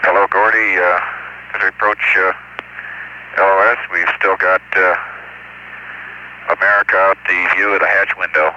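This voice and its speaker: Astronaut on a crackly space radio link: low, bright-edged male voice, calm, clipped, halting. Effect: crackly space-to-ground radio transmission. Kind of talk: mission radio communications. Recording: muffled archival radio link with hiss.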